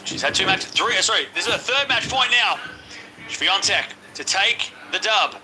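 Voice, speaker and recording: A man giving casual live play-by-play of tennis matches, excitable and chatty, talking straight to his viewers. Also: high-pitched, normal speed, music in the background, rough recording. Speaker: live-stream tennis commentator. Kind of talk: casual watch-along play-by-play commentary.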